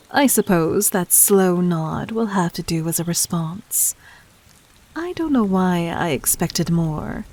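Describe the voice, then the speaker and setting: Playing a demon queen in an audio roleplay, a woman speaks very unhurriedly in a voice on the low side. She addresses the listener formally, gently domineering and teasing, with breathy touches and silky condescension.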